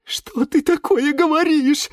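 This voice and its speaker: A reader voicing a fussy, anxious male lemon tree in a children's audiobook, shrill and frantic. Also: steady tone, slow pace, no echo, clean studio sound. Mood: indignant. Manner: shrill, frantic, often shouting or hissing.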